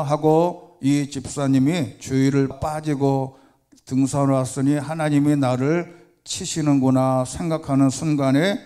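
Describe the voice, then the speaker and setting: A male pastor preaching a sermon, telling a story with vivid, animated narration. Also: fairly high pitch.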